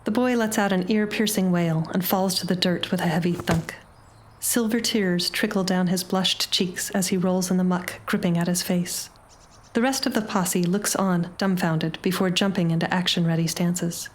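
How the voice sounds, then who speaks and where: A woman narrates a short story with a low, steady voice. Her delivery is measured and dramatic, shaping each scene for the listener. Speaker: audiobook narrator.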